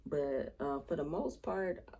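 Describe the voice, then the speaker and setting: A woman with a raspy voice, chatting casually to viewers as a tarot reader in a monotone, matter-of-fact way. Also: deep voice, takes it slowly. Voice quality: raspy, gravelly. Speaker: tarot reader hosting a channel.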